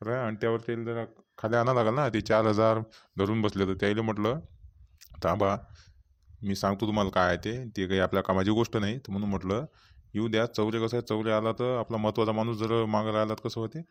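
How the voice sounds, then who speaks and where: A man on the low side of pitch, with little pitch movement and a quick pace, lightly acts a chatty village farmer running a local meeting. The cartoon comedy role carries a rural Vidarbha Marathi accent, and the talk is businesslike yet rambling and repetitive.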